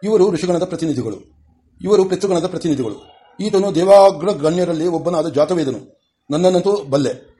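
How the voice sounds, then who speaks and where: A man's voice: high voice, lively intonation, moderate pace, dark tone. A man reading as a stately teacher of the gods. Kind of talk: audiobook reading of a novel.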